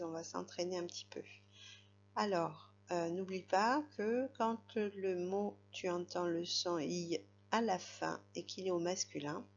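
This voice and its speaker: Female teacher, patient dictation, gravelly voice, slow delivery. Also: medium pitch, darkish tone. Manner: slow, patient, spelling words letter by letter. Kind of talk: spelling dictation lesson for a child. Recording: slightly dull, lo-fi recording.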